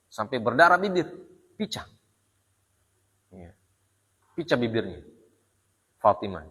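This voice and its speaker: A man's voice: fairly high pitch, pushed and bright, slightly rough. A man preaching a storytelling sermon, told with animation, rhetorical questions and a frequent "ya". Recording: long reverb of a hall.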